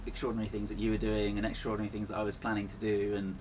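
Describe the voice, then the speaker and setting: A man with a fairly low voice talks casually as a guest in an interview. His way of speaking is earnest and reflective. Clear ambient noise sits behind his voice. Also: monotone, rapid-fire. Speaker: endurance runner, interview guest. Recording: clearly noisy ambient background.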